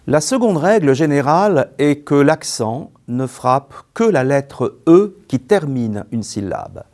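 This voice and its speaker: Man, scripted lesson narration, very slow, warm mellow tone, careful spelled-out syllables. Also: mid-range voice. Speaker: teacher.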